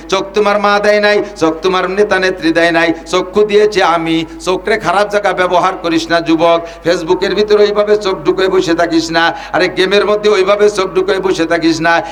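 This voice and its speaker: A man from Bangladesh preaching a waz sermon, impassioned and often rising to loud cries, chanting Arabic verses between his Bengali lines. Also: high-pitched.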